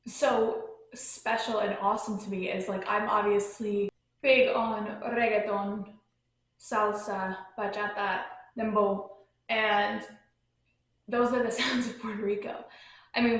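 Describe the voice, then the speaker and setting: Recorded on a phone at home with her dogs nearby, a young podcast host rambles through casual travel talk packed with filler words. Her voice is mid-range and fairly bright, and the audio sounds echoey.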